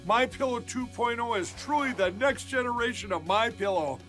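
High-voiced enthusiastic male pitchman. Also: normal speed, fairly bright tone, soft background music. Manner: salesy, enthusiastic. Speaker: ad spokesman. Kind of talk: scripted ad read.

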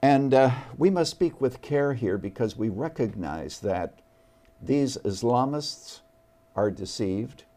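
A man appearing as a studio guest, speaking earnestly and deliberately about faith. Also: mid-range voice, animated, dark tone. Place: television studio.

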